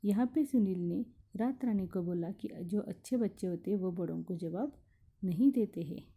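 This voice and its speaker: A woman's voice: medium pitch, normal speed, mellow, husky. A woman school teacher explaining a Hindi play to her class, reading lines aloud and then retelling them in plain words.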